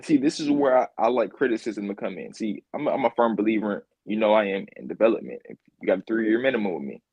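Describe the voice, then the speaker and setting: A man's voice: fairly low pitch, animated, fast, breathy edge, no room sound, dull audio. A man co-hosting a podcast, chatting casually about football, repeating himself and laughing easily. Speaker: podcast co-host. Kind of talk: casual sports chat.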